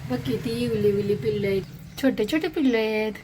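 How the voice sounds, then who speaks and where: A woman filming a casual home vlog, narrating gently to viewers and coaxing a small child in a tender, soothing way. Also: a little high, a little fast, slight background noise. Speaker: family vlogger.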